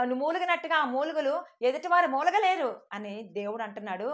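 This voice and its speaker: A woman preaching a sermon with fervent, rapid delivery, acting out God's voice and the pleas of believers. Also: sits high, fairly bright tone.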